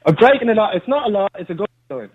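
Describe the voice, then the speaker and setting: Male caller, high voice, rapid and defiant, heard over a buzzy phone line that keeps cutting out. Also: big pitch swings, breathy edge, dry recording. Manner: defiant, argumentative, talks over the host. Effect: buzzy phone line that keeps breaking up. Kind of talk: radio phone-in call. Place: on a building site. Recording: tinny glitchy phone line.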